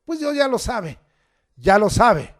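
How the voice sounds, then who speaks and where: A man preaching a sermon slowly and emphatically, often building up to loud, raised declarations. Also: extremely high pitch, big pitch swings.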